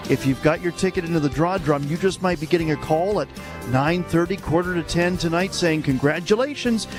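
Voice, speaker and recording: A man doing live promotional radio announcing for a lottery, with an upbeat, chatty prize pitch. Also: fairly quick, over music. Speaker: on-location radio broadcaster for a charity lottery. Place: on location at an event centre.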